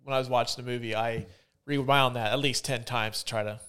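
A man's voice: medium pitch, fairly even intonation, fairly quick, sharp tone, clear, resonant tone. A man hosting a podcast, chatting casually in a loose, profane way and often dropping into mock voices. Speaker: podcast host. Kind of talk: casual chat.

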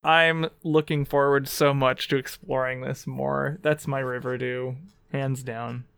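A man's voice: medium pitch, little pitch movement, a little slow, gravelly, fairly bright tone, clear, resonant tone, no echo, clean studio sound. A man co-hosting a casual podcast, recapping an episode in a sardonic, profane way with lots of fillers.

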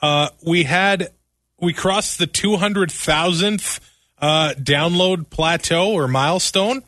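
A man co-hosting a sports podcast, excitable and laughing often, nearly losing his voice. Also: high voice, slow pace, no echo, clean studio sound. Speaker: podcast co-host. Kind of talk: casual sports chat.

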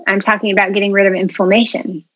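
A woman's voice: mid-range voice, level tone, fast, a bit bright, dry recording, highs cut off. A woman telling her story as an interview guest, earnest and chatty, with plenty of ums and you-knows. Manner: earnest, chatty, many fillers. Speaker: interview guest, food media founder.

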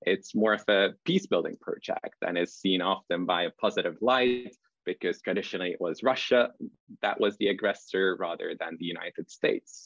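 A man's voice: low voice, no echo, lo-fi sound. A man from Central Eastern Europe moderating a panel discussion and putting questions to the guests. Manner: questioning, framing topics.

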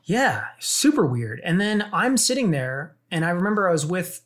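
A woman who was adopted from South Korea, telling a personal story as a guest in casual conversation, earnest and halting with many fillers. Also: fairly low pitch, very animated.

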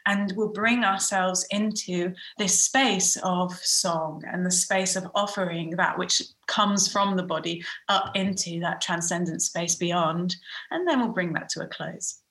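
A woman leading a voice workshop, speaking softly and reverently in a meandering way and moving into wordless chant. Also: fairly low pitch, unhurried, reverberant. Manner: soft, reverent, meandering speech. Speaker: voice workshop leader. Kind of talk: spoken guidance with wordless chant.

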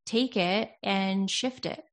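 A woman's voice: medium pitch, slow. A woman in casual conversation about healing and self-talk, speaking earnestly and reflectively, sometimes slipping into quoted voices. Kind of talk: casual self-help chat.

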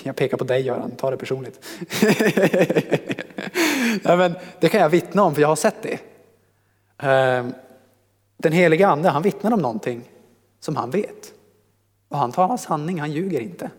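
A man preaching a sermon to a congregation in a lively, conversational way, joking with the listeners. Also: on the high side, in a large hall. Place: church hall.

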